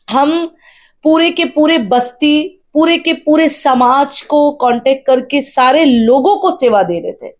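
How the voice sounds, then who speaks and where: A woman, earnestly telling an interviewer her personal story with deep feeling. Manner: earnest storytelling, tearful at times. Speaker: interviewee, wife of a candidate. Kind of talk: emotional personal account.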